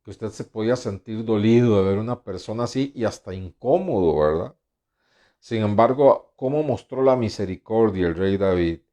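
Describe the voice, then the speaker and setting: In a sermon delivered at normal speed, a pastor with a dark voice on the low side reads scripture and adds commentary between the verses. He calls his listeners brothers and repeatedly asks "¿verdad?", meaning "right?".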